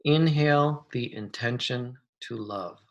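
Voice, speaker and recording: This meditation guide has a medium pitch and a soft, soothing, unhurried delivery, with long pauses separating gentle instructions. The sound is lo-fi.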